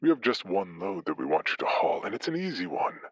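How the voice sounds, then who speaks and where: Male narrator doing an eerie unseen radio dispatcher, formal and polite, low and husky. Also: sing-song, fairly quick, dry recording. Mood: smooth, formal. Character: otherworldly voice over a CB radio, calm and businesslike.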